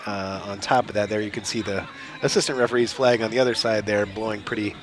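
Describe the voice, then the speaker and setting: On an outdoor soccer field, a play-by-play commentator with a cold-roughened, hoarse voice calls the match live at a quick pace, his pitch on the low side. His delivery is relaxed, steady and chatty, with small restarts and some throat clearing.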